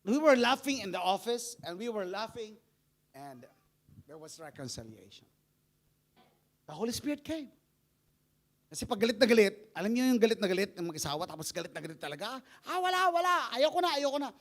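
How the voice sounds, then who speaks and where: A man's voice: sits high, lively intonation, a little fast, long pauses. A man preaching a live church sermon, telling stories in a playful way and laughing often. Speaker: pastor.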